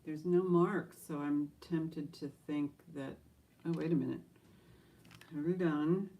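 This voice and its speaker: Gravelly, low-voiced woman auctioneer. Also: steady tone, a little slow, warm tone, lo-fi sound. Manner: chatty, enthusiastic, talks to herself while handling items. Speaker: live auction host.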